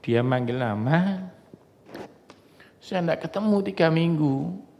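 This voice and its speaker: A male pastor preaches to his congregation, chatty and joking as he tells stories. His voice sits fairly high for a man, and it rings with the long reverb of a church hall. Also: lively intonation, slow pace, gravelly, lo-fi sound. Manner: conversational, joking storytelling to a congregation. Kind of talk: sermon.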